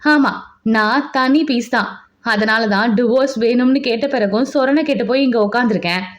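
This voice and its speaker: A woman's voice: fairly high pitch, moderate pace, lightly acted. A woman voicing a pregnant young wife in an audio novel, who snaps back sharply and stubbornly. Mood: angry. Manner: sharp and snapping. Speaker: nurse. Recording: dull lo-fi recording.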